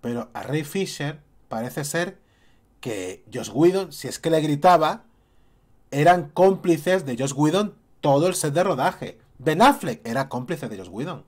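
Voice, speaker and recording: In an opinion rant to camera, a male YouTube commentator speaks with a fairly high, animated voice, a darkish tone and a slightly slow delivery. Indignant, he goes over his points again and again and mocks people by quoting them.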